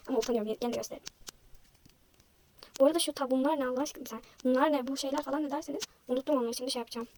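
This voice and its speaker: Fast-chatting young woman, slightly hoarse. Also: high voice, slight background noise. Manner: chatty, self-deprecating, thinking aloud. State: slightly hoarse, sore throat. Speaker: vlogger. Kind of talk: casual chat while drawing.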